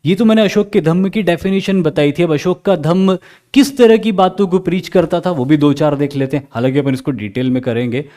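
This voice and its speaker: A man with an Indian accent giving a lively recorded history lecture, asking questions and acting out students' answers. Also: a little high, fairly quick. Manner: lively, asks questions and acts out students' replies. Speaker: history teacher.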